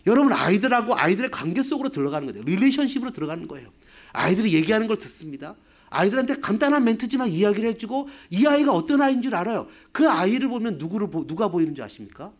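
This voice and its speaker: A man's voice: high-pitched, big pitch swings, very fast. A man in his fifties, a pastor, preaching a sermon with rhetorical questions and humorous asides. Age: 50s.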